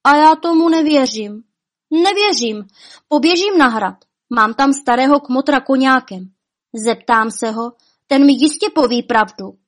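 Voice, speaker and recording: A woman voicing a young princess's maid who talks in a high, urgent, distressed way, in a storybook reading. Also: close to an everyday voice. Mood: upset.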